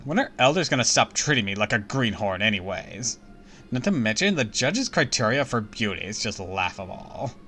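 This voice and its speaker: A man's voice: lowish voice, bright, forceful tone. A man voicing a haughty young fairy princess from a game, with a cocky, bossy Valley Girl delivery. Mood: indignant. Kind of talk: playful game dialogue read-aloud.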